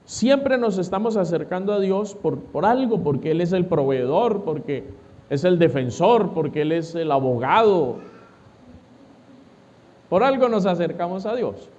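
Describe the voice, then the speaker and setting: Pastor preaching, high voice, muffled lo-fi sound, asks and answers his own questions. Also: expressive, unhurried, dark tone. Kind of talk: sermon.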